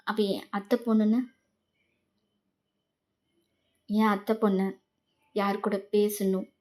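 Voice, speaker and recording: A woman's voice: mid-range voice, mellow, lightly acted. A woman voicing a stern, cold young male professor who scolds in clipped, commanding lines.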